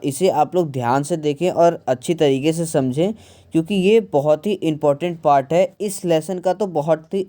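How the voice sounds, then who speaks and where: A woman teaching an English workbook lesson, explaining slowly with many hesitations and mixing English words into Hindi. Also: sits low, dark tone.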